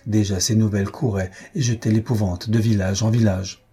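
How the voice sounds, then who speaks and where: A man reading a historical tale aloud as an audiobook narrator, in measured, even storytelling. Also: on the low side, slightly rough. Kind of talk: scripted narration.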